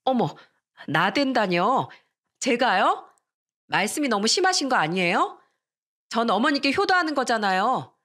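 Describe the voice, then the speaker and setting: A woman's voice: fairly high pitch, sing-song, a little slow, long pauses, a bit bright, full character voice. Huffy defensive sister-in-law, read by a woman narrator. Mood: offended. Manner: huffy, protesting. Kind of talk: storybook reading.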